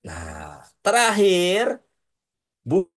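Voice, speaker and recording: Man, public speaking coach, online lecture, casual, lively tempo, dramatic pauses. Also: high-pitched. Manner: casual, mixes in English words. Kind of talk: online lecture to university students.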